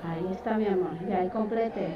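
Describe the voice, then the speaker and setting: Speaking fast in a medium-pitched voice, an Ecuadorian teacher with a coastal accent dictates to her third-grade pupils during an online Spanish class, lovingly addressing them as "mi amor" and "mi vida." It's picked up by a computer mic on a video call, sounding echoey, distant and dull, with crowd noise and children talking behind her.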